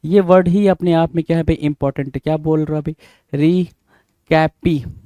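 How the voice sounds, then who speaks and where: A man's voice: on the high side, fairly even intonation, fast, warm tone, dry recording. A man teaching English vocabulary for exams, spelling words out letter by letter and prompting students with rhetorical questions. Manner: keeps asking "bhai?" as a rhetorical prompt. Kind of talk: exam-prep vocabulary lesson.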